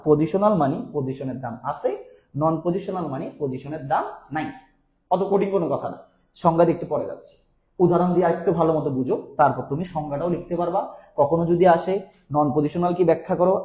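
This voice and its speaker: A male tutor with a slightly high voice, teaching an online lesson in a chatty, coaxing manner. He repeats his key points again and again. His voice rings in a roomy, echoey space. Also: fast, mellow. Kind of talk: online class lecture.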